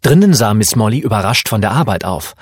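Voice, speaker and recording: Husky male storyteller, lively intonation. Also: fairly low pitch, fairly quick, no room sound, clean studio sound. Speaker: narrator. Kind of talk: audiobook narration of a children's story.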